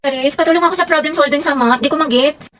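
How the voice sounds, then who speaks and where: A woman's voice: sits high, fast talker, fairly bright tone. A woman performing comedy skits who complains and jokes with playful sarcasm. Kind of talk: comedic skit dialogue. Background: background music.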